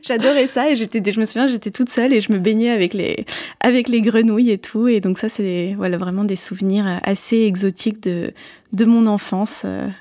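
A young woman novelist from Vietnam, a guest in a casual radio interview, answering hesitantly with many fillers and soft laughs. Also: medium pitch, steady tone, a little fast, dry recording.

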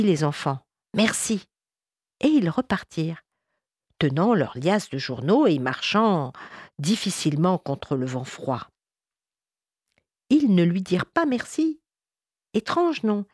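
A woman reading a story aloud, expressive and warm, with occasional hesitation fillers. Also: on the low side, no echo, studio quality. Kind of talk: storytelling narration.

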